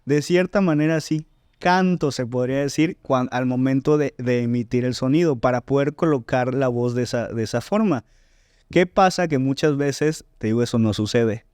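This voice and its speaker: A man's voice: mid-range voice, moderate pace, darkish tone, clear, resonant tone, dry recording, clean studio sound. A man, a voice teacher and singer explaining technique in a podcast interview, often checking in with "¿no?" and "¿sí?". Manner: didactic, frequent "¿no?" and "¿sí?" check-ins.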